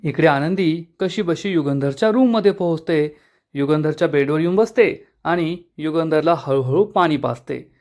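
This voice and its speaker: A man with a high voice retells a TV serial episode scene by scene. He keeps a steady storytelling manner throughout the recap.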